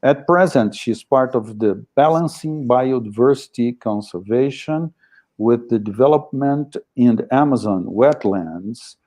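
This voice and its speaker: A man chairing an academic event, speaking formal, hesitant non-native English in a polite, deliberate manner. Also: mid-range voice, warm tone. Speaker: session chair introducing speakers.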